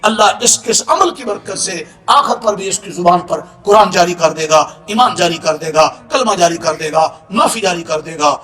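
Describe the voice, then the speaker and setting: A man preaching a sermon with impassioned force, often breaking into shouts. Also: high-pitched, expressive, hardly any pauses, echoey room.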